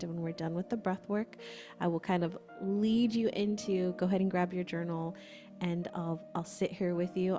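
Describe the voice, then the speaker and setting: A woman facilitator giving gentle, conversational instructions for a breathwork session, often saying "like". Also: on the low side.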